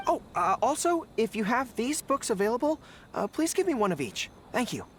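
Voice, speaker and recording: An actor playing a nervous, earnest young man in a video game, halting, flustered and polite. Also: medium pitch, sing-song, a little hiss or hum, lightly acted. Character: nervous, earnest young male festival errand-runner.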